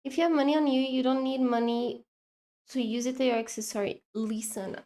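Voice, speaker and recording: A young woman streaming while she draws, chatting casually to her viewers in a rambling, excitable way that keeps breaking off mid-sentence. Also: high-pitched, fairly quick. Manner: rambling, self-interrupting, excitable.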